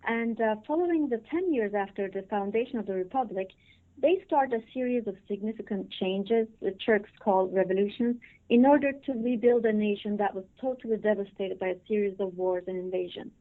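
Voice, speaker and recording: A middle-aged woman from Turkey, whose first language is Turkish, answering interview questions in a measured way with many fillers. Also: mid-range voice. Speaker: interview guest, professor. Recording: phone-line quality.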